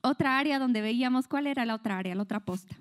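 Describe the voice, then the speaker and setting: A woman's voice: on the high side, fast, smooth. A young woman, giving a conversational youth sermon, asking the group questions and acting out inner voices. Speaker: youth speaker.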